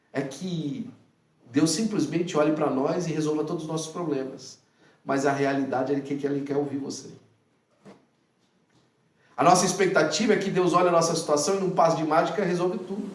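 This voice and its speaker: Animated pastor in an echoey hall. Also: male voice, fairly high pitch, moderate pace, pauses often, far from the mic. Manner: animated, rhetorical questions to the congregation. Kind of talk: sermon.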